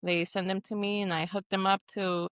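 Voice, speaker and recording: A woman's voice: medium pitch, level tone, normal speed, no room sound. A woman from Texas, a Marine veteran guest, answering interview questions earnestly with frequent restarts and fillers. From Texas, USA.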